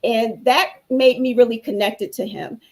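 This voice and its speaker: A woman's voice: a little high, unhurried, vocal fry, poor audio. A woman guest on a talk show telling her own story in an earnest, preacherly way. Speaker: guest speaker. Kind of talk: personal testimony on a talk show.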